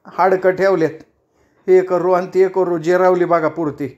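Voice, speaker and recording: A man voicing a humbled, rough-spoken village man in a storybook reading, pleading. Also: high-pitched, level tone, unhurried, darkish tone, dull audio, pitched above the performer's own voice.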